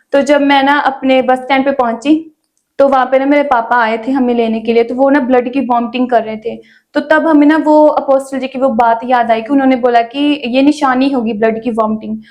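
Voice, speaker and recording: A young woman with a high voice tells her faith testimony in a casual interview. She talks in a chatty way, with many small fillers between her words. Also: darkish tone, highs cut off. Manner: chatty storytelling with frequent "ना" fillers. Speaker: guest sharing her testimony.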